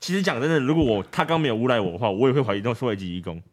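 A man telling a childhood story in a casual podcast chat, animated, laughing and restarting often. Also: medium pitch, rapid-fire. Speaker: guest storyteller.

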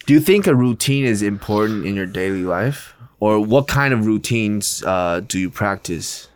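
A man's voice: lowish voice, lively intonation, moderate pace, clean tone, no room sound. A young man from Taiwan hosting a podcast in a casual, loose conversational way, full of "like" and "you know". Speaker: podcast host.

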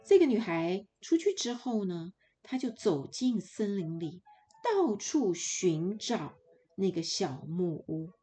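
Expressive woman telling a children's story. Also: lowish voice, takes it slowly, faint music behind. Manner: expressive, playful, addressing children.

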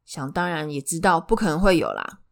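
A woman's voice: low voice, huge pitch swings, fairly quick, vocal fry. A woman with a Taiwanese Mandarin accent telling true crime in a conversational way as a narrator, putting questions to her listeners. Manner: poses rhetorical questions to listeners.

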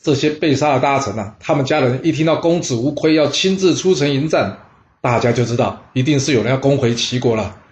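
A man telling a historical tale in an animated, chatty way, with asides to listeners. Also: medium pitch, fairly quick, dull audio. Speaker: storyteller. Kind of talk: lively historical storytelling. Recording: roomy echo.

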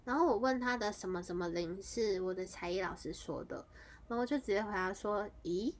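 Woman podcast host, casual storyteller, mid-pitched voice, chatty and animated, quick leaps into excited highs. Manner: animated, jumps into high excited exclamations; chatty, strings clauses with fillers.

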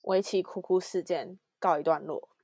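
A woman, co-hosting a podcast in casual chat with quick, chatty reactions. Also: fairly low pitch, fairly even intonation, mellow, no echo, clean studio sound. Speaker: podcast co-host.

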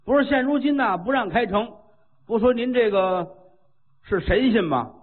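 A man voicing excited soldiers on a city wall, talking fast, loud and teasing in a storytelling performance. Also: very high-pitched, narrow, tinny audio, pitched above the performer's own voice. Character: excited male gate soldiers, loud and chatty.

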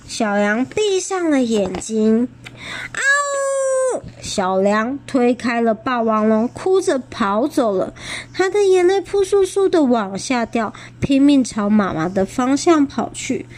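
Woman, bedtime storybook reading, gentle, questions for the child, high voice, slow. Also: big pitch swings.

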